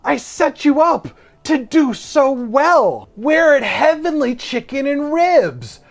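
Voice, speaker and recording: A man's voice: very high-pitched, expressive, takes it slowly, gravelly, voice pushed up, full character voice. A man voicing an exasperated male comedy booker, whining and incredulous. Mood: indignant.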